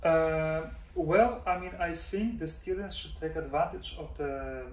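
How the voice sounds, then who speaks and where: This professor, in his forties and raised in Denmark, speaks unhurriedly in a voice on the high side while answering interview questions with care. Fillers and "right?" checks pepper his speech, and the far-off camera mic in his indoor office catches roomy echo and a faint hum.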